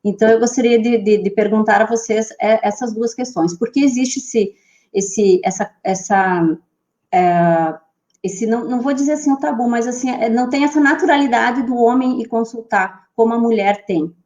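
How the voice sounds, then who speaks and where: Introducing guests and posing questions, the host of an online health panel stumbles often, restarting and using fillers. She speaks at normal speed in a slightly high voice with a darkish tone.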